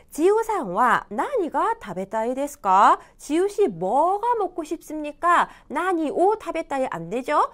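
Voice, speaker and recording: A woman teaching a Japanese lesson, explaining grammar patiently and reading example dialogues slowly and clearly. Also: high voice, fairly bright tone. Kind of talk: video lecture explaining grammar.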